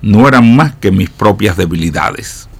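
A man with a fairly low voice delivers a reflective commentary for radio listeners. He tells his story at an unhurried, measured pace, like a parable read aloud. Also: animated, gravelly, husky.

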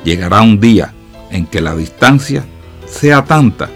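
A man with a fairly low voice delivers a reflective commentary for radio listeners. He tells his story at an unhurried, measured pace, like a parable read aloud. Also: expressive, faint music behind.

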